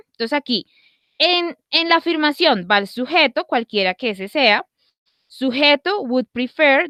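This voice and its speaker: Female online English teacher, fairly high voice, dry sound, keeps checking in with students, slows down for examples. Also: a bit bright, no echo. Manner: checks in often with short questions, slows down to read example sentences. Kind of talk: online grammar lesson.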